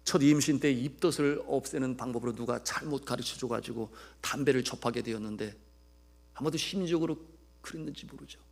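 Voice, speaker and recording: A male pastor preaching a sermon, telling a story to his congregation and shifting between loud, emphatic calls and hushed narration. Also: medium pitch, brisk, creaky. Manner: addresses the congregation often.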